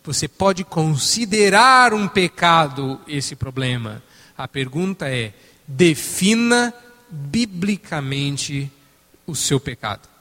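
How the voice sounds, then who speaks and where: A man preaching a sermon, emphatic and animated, swinging between loud stresses and soft asides. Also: fairly high pitch, slow pace, in a large hall.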